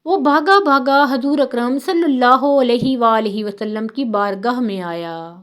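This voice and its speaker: A woman narrating religious stories in a calm, measured, scripted way. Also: fairly high pitch. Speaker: storyteller.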